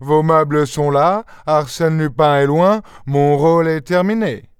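A man's voice: fairly high pitch, a little slow, dry recording, voice pushed up, close to an everyday voice. A man voicing a curt, grumbling English detective, speaking dryly in a raised voice. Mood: sec. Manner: curt, dry, gruff.

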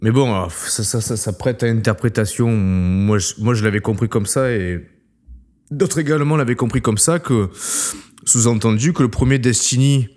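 A man's voice: mid-range voice, moderate pace, a little mellow. A man co-hosting a casual gaming podcast, laid-back, with stammering restarts. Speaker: podcast co-host.

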